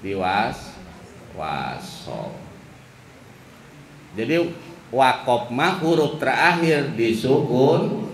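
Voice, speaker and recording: A male Islamic teacher gives a slow, explanatory religious lesson, chanting Quran verses as examples. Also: medium pitch, fairly bright tone. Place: boarding school study hall. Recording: echoey room with faint background noise.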